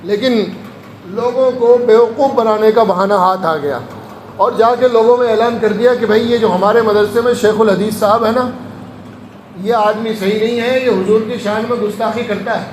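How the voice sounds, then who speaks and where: Male preacher, very high voice, storytelling sermon that acts out the people in his anecdotes, echoey room. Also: fairly even intonation. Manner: tells anecdotes, acting out voices of people in them. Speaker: Islamic preacher. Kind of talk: sermon-style storytelling lecture. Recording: echoey room with faint ambient noise.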